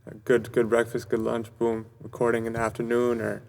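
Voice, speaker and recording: A man's voice: medium pitch, completely flat delivery, a little fast, creaky, a little mellow. A man from Canada guest-hosting a podcast, chatting in an easygoing, upbeat way. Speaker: guest host. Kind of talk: casual chat.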